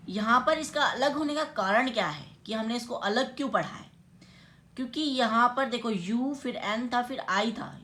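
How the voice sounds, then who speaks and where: A woman's voice: on the high side, a bit bright. A woman teaching a grammar lesson, explaining step by step and spelling words out letter by letter. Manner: explains slowly, spells words out letter by letter, often checks with "theek hai". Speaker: English teacher.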